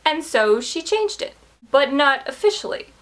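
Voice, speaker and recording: A woman in her late twenties chats straight to camera as a book vlogger, her voice sitting a little high for a woman. She is candid and self-deprecating, laughing at her own awkward stories. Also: very animated, unhurried. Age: 20s. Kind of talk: casual talk to camera.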